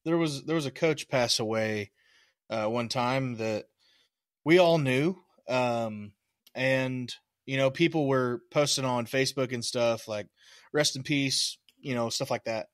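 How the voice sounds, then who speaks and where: A man's voice: medium pitch, unhurried, no room sound, studio quality. A young man co-hosting a podcast, telling a story in casual chat with hesitant fillers. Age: young adult. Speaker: podcast co-host.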